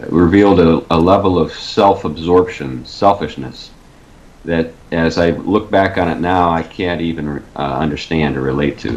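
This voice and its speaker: A man's voice: low-pitched, highs cut off. A man being interviewed, recalling his childhood in an earnest, reflective way. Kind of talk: conversational interview recollection.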